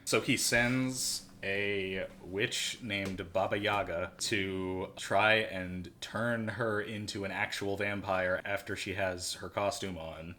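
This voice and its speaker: A man's voice: on the low side, pushed and bright. A man co-hosting a casual movie-review podcast, rambling and sarcastic with lots of fillers. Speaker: podcast co-host.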